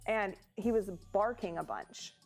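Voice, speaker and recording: Creaky-voiced woman telling a story. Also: mid-range voice, a little slow, loud music behind the voice. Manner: animated, acts out voices in her story. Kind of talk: casual storytelling.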